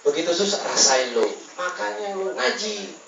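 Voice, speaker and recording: A man's voice: sits high, animated, normal speed, vocal fry, voice pushed up. A man voicing a nosy, spiteful gossiping villager with a squealing, mocking whine. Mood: gossipy. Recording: echoey, far-off, muffled with loud hum.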